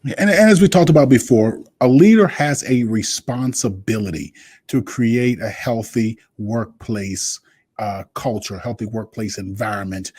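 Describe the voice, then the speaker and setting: Male leadership coach co-host, mellow dark voice, dry close sound, earnest and metaphor-heavy. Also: lowish voice, slightly rough, no echo. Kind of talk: podcast talk.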